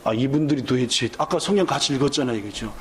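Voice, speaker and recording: A man's voice: mid-range voice, animated, quick pace, roomy sound. A male pastor preaching a sermon, firing questions at the congregation and acting out the lines of the story. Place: church sanctuary.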